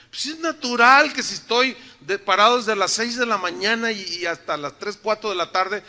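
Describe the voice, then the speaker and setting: An older pastor preaches in a high, bright voice, his throat a little sore. He keeps the sermon conversational and joking and asks his congregation one rhetorical question after another. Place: church sanctuary.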